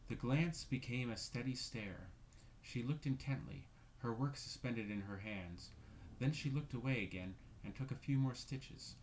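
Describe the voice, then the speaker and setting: A man reading a classic ghost story aloud in a measured, steady way. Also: mid-range voice, slight background noise, low-quality recording. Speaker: reader.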